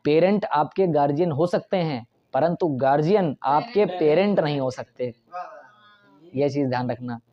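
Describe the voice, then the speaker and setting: A man's voice: on the high side, moderate pace, lo-fi sound. A male English grammar teacher gives a classroom lecture in Hindi mixed with English terms and keeps checking whether the students understand.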